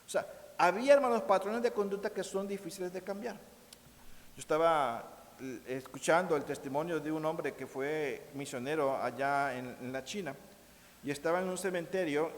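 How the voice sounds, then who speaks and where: A Mexican pastor delivers an animated sermon in a church, his voice set a little high for a man. He keeps turning to the congregation and acting out little quotes. The sound carries a long reverb from the sanctuary. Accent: Mexican Spanish. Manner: animated preaching, repeats "hermanos míos", acts out quotes.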